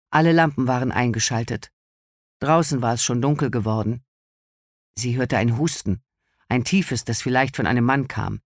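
A man reading a novel aloud as an audiobook narrator, in calm, measured storytelling. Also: medium pitch, dry recording, studio quality. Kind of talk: scripted narration.

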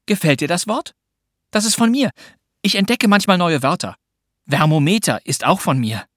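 A reader voicing a cheeky, inventive little girl who talks in a high, playful, theatrical way. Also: animated, normal speed, a bit bright, no echo, studio quality.

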